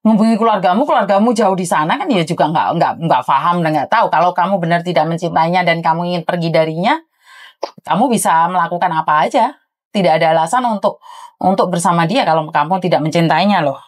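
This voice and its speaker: A woman's voice: fairly low pitch, quick pace. A woman hosting an advice show, giving frank, lecturing advice to a caller. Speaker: advice host. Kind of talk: advice chat.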